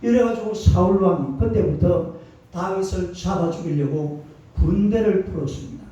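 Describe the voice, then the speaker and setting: A man preaches to his congregation in a colloquial, call-and-response style, always asking them to repeat after him. His voice sits high and mellow. The recording is dull and distant, with a heavy hall echo. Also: normal speed. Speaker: pastor. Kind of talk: sermon. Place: church sanctuary.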